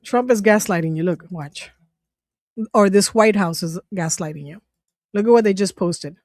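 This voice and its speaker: A woman's voice: medium pitch, normal speed, darkish tone, no room sound, clean studio sound. Profane, laughing woman vlog host. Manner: profane, incredulous, laughs often; rambling, with many restarts on spiritual topics. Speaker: channel host. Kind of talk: casual commentary vlog.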